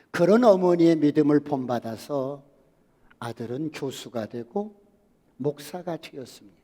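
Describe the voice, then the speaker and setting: A man's voice: on the high side, a little mellow. A male pastor preaching a sermon in a church, telling a story and building to emphatic appeals to the congregation. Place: church sanctuary. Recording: long church reverb.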